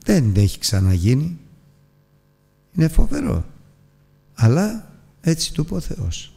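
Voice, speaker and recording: A man of ordinary pitch teaches a Bible lesson with a gravelly edge to his voice. He retells a scripture story earnestly, pushing key words up and letting others fall. He speaks to his listeners as brothers. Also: sing-song, warm tone. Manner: earnest storytelling with emphatic rises and drops.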